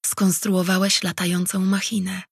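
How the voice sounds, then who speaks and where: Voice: medium pitch, monotone, normal speed, creaky, breathy edge, dry recording, studio quality. A narrator voicing Tajen, an earnest traveling mage. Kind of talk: audiobook character reading.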